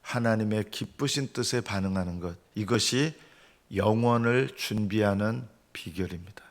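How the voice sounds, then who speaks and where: Korean pastor preaching a dawn sermon. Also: male voice, fairly low pitch, moderate pace. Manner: earnest preaching with rhetorical questions. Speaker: senior pastor. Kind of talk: early-morning sermon.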